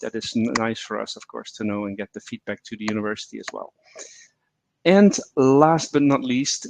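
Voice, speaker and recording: A man's voice: medium pitch, a little hiss or hum. Man moderating a webinar over video call. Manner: friendly, loose, with many fillers and restarts.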